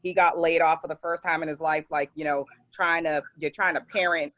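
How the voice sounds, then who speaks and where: A woman's voice: low-pitched, fairly quick. A woman in her forties telling candid stories in a casual group chat over a video call. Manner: candid storytelling, animated quoting. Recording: dull lo-fi video call audio.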